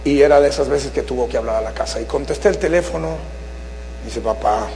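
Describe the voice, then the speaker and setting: A middle-aged man preaching a sermon to a congregation, swinging from shouts to hushed asides. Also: fairly high pitch, quick pace. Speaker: pastor. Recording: faint mains hum.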